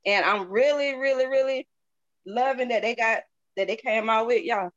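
With a fairly bright tone and slightly high voice at normal speed, a product seller from the southern United States speaks in a Southern accent during a casual testimonial interview. She's candid and folksy, repeating phrases for emphasis, over dull lo-fi audio.

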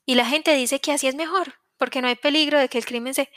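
A gossiping old village sorceress with a sharp tongue, put on by a woman narrator. She speaks bluntly and pushes her opinions on others. The voice sits fairly high, and the storybook reading sounds close and dry. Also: fairly even intonation, fast talker, no room sound. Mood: meddling. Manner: blunt, meddling.

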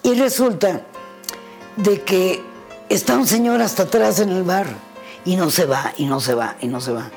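A woman speaking a little slowly in a lowish voice, with soft music underneath, tells stories as a guest pianist in an interview. Originally from Mexico, she's a lively storyteller who voices the characters herself.

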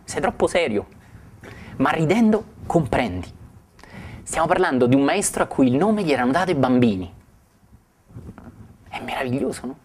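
A male spiritual teacher retells a sacred story. He pauses often to marvel at it and to turn to his listeners with warm asides. His voice sits at a middle pitch, with a faint hiss behind it.

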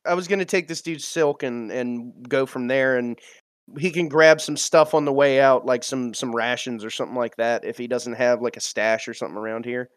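A man playing a tabletop role-play game, talking bluntly and excitably about what his character would do. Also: medium pitch, normal speed, dry recording, clean studio sound. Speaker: player.

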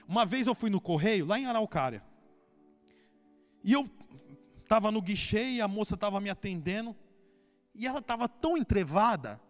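High-voiced Brazilian pastor preaching. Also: male voice, a bit bright. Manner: emphatic, fires rhetorical questions at the congregation. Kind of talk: sermon. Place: church hall. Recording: long church hall reverb.

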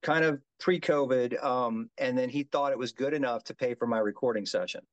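A man's voice: mid-range voice, brisk, no room sound, muffled recording. A man in his fifties who grew up around the Gulf Coast, talking earnestly as a musician guest in an interview, restarting sentences often. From Gulf Coast of the United States. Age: 50s. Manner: earnest, restarts often, says "yes, sir". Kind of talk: casual interview chat.

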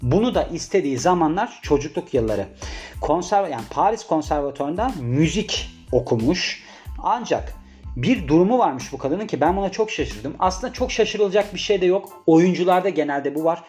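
A young man with a slightly high voice chats away in a loose, rambling monologue, tossing in jokey asides and talking to himself. Faint music plays underneath. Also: lively intonation, moderate pace, a little mellow. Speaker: vlogger presenting a celebrity biography. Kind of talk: casual chatty monologue.

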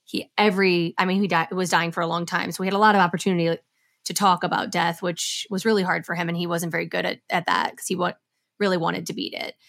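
Woman, podcast guest, lowish voice, impassioned, candid, swears freely. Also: level tone, quick pace, creaky, fairly bright tone. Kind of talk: casual interview chat.

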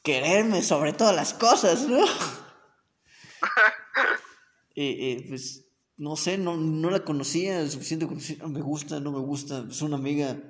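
A man's voice: on the high side, a little slow, in a large hall. Slangy young Mexican man telling a story. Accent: Mexican Spanish. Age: young adult. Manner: animated, slangy, self-mocking. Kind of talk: casual storytelling chat.

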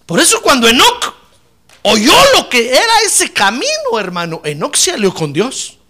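A man preaching a fiery sermon in church, dropping to low asides and then rising to shouted praise. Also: wildly swooping pitch, a little slow. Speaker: pastor.

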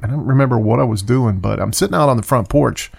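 A man's voice: medium pitch, fast, creaky, a little mellow, husky. A man hosting a casual birding podcast, talking in a rambling, chatty way with self-corrections and short rants. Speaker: podcast host. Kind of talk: casual solo podcast talk.

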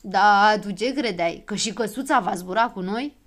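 A woman's voice: mid-range voice, natural voice. A woman voicing a gloomy, grumbling little male gnome in a storybook reading, drawing out his words. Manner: grumbling, drawn out.

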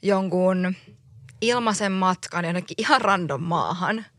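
A woman's voice: on the low side, a bit bright, no room sound, clean studio sound. Casual twenty-something Finnish podcast woman. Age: 20s. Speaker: podcast co-host. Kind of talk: casual chat.

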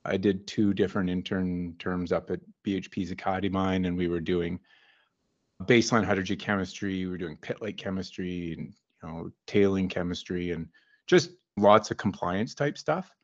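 A man with a lowish voice tells his story at an easy pace, wry and loose, with plenty of fillers. The audio is dull and lo-fi, like a remote call. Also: moderate pace. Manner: relaxed and wry, with frequent fillers. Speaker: guest geologist consultant. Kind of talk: casual interview storytelling.

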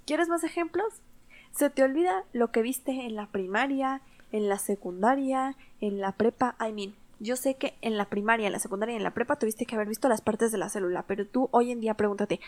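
Young woman chatting on a podcast, kinda high voice, gets emphatic. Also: brisk. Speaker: podcast co-host. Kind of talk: casual podcast chat.

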